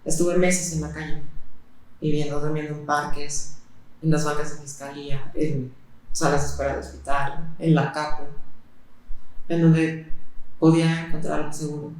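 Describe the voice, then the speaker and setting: This is an interview testimony from a woman with a low-pitched, flat, even voice, recorded in a very echoey space. She speaks haltingly, pausing frequently and using many fillers.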